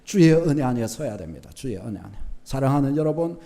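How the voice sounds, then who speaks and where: Animated pastor preaching. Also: male voice, mid-range voice, quick pace, vocal fry. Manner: animated, shifts from soft to loud, acts out short dialogues. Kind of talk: sermon. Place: church sanctuary.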